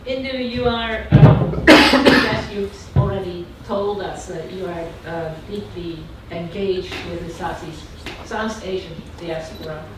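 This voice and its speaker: A woman's voice: fairly low pitch, takes it slowly, few pauses. A woman moderating a panel discussion, asking questions with many hesitant fillers. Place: lecture room. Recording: very echoey room, distant mic, noise.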